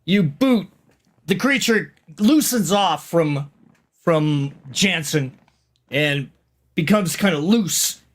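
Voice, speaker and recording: Guy game mastering a tabletop rpg, dramatic halting narration, slow, voice a bit high. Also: lively intonation.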